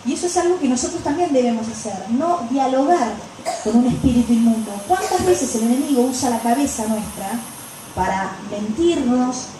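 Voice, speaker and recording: A woman's voice: sits high, animated, moderate pace, background noise. A woman with a Rioplatense Spanish accent preaching a conversational sermon and acting out the quoted speech of the people in her story. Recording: very echoey room, distant mic.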